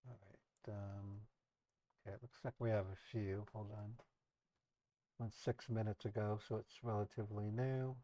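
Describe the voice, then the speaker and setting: A man's voice: fairly low pitch, level tone, normal speed, long pauses, dark tone, no room sound, poor audio. Casual American man streaming live. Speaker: live stream host who calls scammers.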